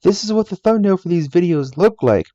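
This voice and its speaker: This twenty-something American YouTuber narrates a script for his gaming channel, earnest and matter-of-fact yet expressive and a little fast. His warm, mellow voice runs a bit high for a man. Captured close on a laptop mic in a family home's game room, it has no room sound and comes across somewhat muffled.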